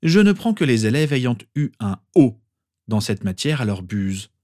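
A man's voice: mid-range voice, big pitch swings, measured pace, darkish tone, no room sound, studio quality. A man voicing an amused, protective father in a storybook reading, with a fatherly tone.

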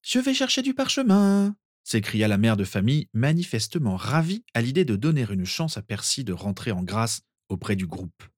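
Guy reading a storybook, low voice, lots of up and down, dry sound. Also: animated, normal speed, hardly any pauses, no room sound. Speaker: reader. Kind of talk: audiobook narration.

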